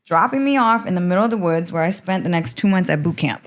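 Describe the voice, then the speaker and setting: A woman's voice: lowish voice, animated, fairly quick. A woman from Michigan, a podcast guest telling her life story frankly in a chatty way, with lots of "like". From Michigan, USA. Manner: frank, chatty, heavy use of "like". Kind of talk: candid interview storytelling.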